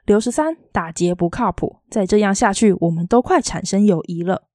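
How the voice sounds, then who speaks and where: Woman reading as a blunt, fierce teenage girl, gently lilting, mellow voice, dry close sound. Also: medium pitch, expressive, normal speed, no room sound, natural voice. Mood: teasing, sad. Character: fierce, blunt teenage city girl, secretly gravely ill.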